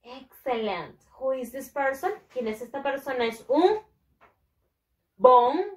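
Young woman teaching kids english, high voice, slow and drawn out, lots of praise. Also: expressive, darkish tone, echoey room, low-quality recording. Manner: slow drilled pronunciation, repeating each word in Spanish; praises often, voices pupil answers herself. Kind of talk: bilingual lesson for young children.

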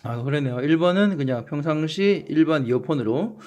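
With a slightly high, expressive voice and a darkish tone, a channel host from the Gyeongsang region talks at a moderate pace through a casual unboxing. He keeps joking about himself and fumbling his words.

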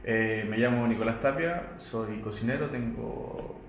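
A man in his thirties, a chef from Chile who grew up in Mexico and speaks with a Mexican Spanish accent, answering interview questions thoughtfully, with hesitations and soft laughs. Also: medium pitch, unhurried, a little hiss or hum. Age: 30s. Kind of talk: relaxed sit-down interview. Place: indoor restaurant with wooden shelves. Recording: echoey room with faint ambience.

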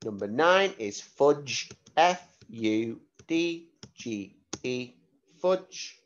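A man speaking as a primary school teacher, giving slow, deliberate spelling dictation, repeating words and spelling them out letter by letter. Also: mid-range voice, animated, dull audio.

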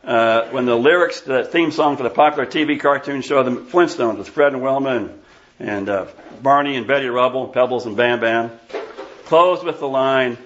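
A man's voice: mid-range voice, normal speed, a bit bright, muffled recording, a little hiss or hum. A pastor in his sixties from Iowa, preaching an emphatic, scornful sermon and bantering with the congregation. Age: 60s. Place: church sanctuary.

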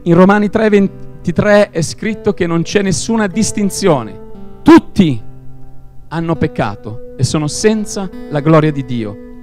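A man preaching an evangelistic sermon, impassioned, swinging from loud shouts to hushed tones. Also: high voice. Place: church hall.

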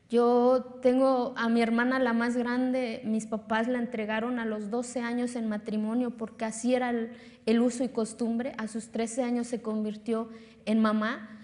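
Her voice is a little high with a darkish tone, ringing through a reverberant hall. She's a thirty-something woman from Oaxaca, Mexico, a native Zapotec speaker with a Mexican Spanish accent. Giving a public speech on a lit stage before an audience, she is earnest and emphatic, repeating phrases for force.

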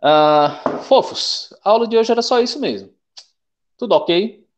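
A young man with a Brazilian Portuguese accent, teaching an online class in a relaxed, chatty way that keeps checking in with the students. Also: high-pitched, measured pace. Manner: relaxed, chatty, checks in often with slangy rhymes.

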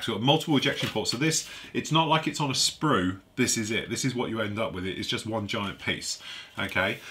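Mid-range, bright and forceful, a stuffy-sounding man talks casually through a model kit review, musing aloud as he works with the pieces. An overhead camera films the workbench with his voice off-screen, over slight hiss or hum.

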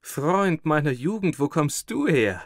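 A man's voice: lowish voice, expressive, measured pace, a bit bright, dry recording, clean studio sound. A man voicing a fawning, talkative thin clerk in an audiobook, speaking eagerly and at length. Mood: effusive. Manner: effusive, eager, rambling. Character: fawning, chatty thin male clerk, excited. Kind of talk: audiobook character reading.

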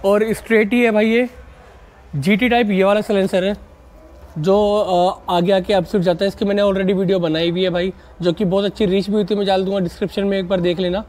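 The motorcycle vlogger here is a man in his 20s with a high-pitched, slightly mellow voice that barely moves in pitch and keeps a brisk pace. Treating viewers as buddies, he chats informally with English words sprinkled in. He's recorded outside on a narrow residential street via a wired lavalier.

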